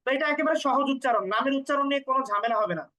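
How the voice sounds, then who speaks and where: A woman teaching Quran pronunciation step by step, patiently explaining and repeating each sound slowly for learners. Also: high voice, pushed and bright, poor audio.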